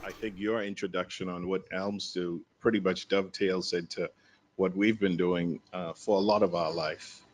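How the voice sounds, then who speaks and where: A man from the Bahamas speaking on a conference panel in a measured way, with restarts and fillers. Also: low-pitched, fairly even intonation, slight background noise. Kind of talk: conference talk.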